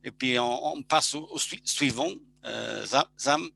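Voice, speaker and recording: Slow, bright-voiced man presenting, halting. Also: medium pitch, vocal fry. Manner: halting, many restarts. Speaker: engineer presenting certification. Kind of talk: webinar presentation.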